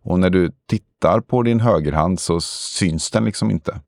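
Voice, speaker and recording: A man narrating a tabletop role-playing game as game master, describing scenes slowly with pauses and fillers. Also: low-pitched, gravelly, dry recording, studio quality.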